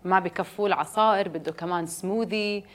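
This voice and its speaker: A woman's voice: fairly low pitch, fast. Jordanian woman mixing Arabic and English. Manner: mixes Arabic with English phrases. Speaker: interview guest, detox juice business owner. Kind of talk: casual conversational interview answers.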